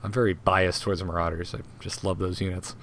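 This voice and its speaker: A man's voice: low-pitched, little pitch movement, quick pace, fairly bright tone. Jokey man hosting a gaming news show. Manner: jokey, laughs often, reads quotes aloud. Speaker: host. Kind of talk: casual podcast chat reading news.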